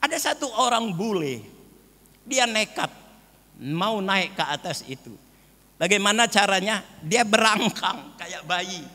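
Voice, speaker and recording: Older guy preaching, high bright voice, big church echo, slow and stretched. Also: lively intonation. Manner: addresses the congregation often as brothers and sisters; slow, drawn-out emphasis on key words. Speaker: pastor. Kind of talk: sermon. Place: church hall. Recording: reverberant church hall.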